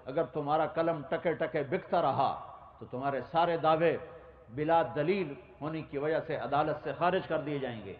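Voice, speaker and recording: Impassioned preacher man, echoey lo-fi hall. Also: a little high. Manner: impassioned, rhythmic, recites verse and long lists. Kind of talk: emotional sermon. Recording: echoey, dull lo-fi hall recording.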